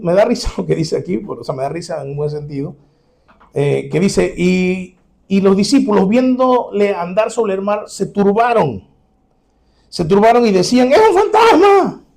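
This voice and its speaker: A male pastor, preaching an animated sermon and acting out the scenes he describes. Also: sits high, gravelly. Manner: animated preaching, dramatic re-enactment, chuckles.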